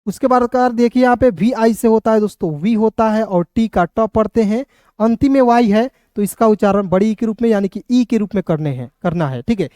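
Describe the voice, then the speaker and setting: A man's voice: high voice, a little fast, dark tone, dry recording. A male teacher giving an online phonics lesson, spelling words out letter by letter, asking the viewers questions and answering them himself. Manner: addresses viewers as friends, asks and answers own questions.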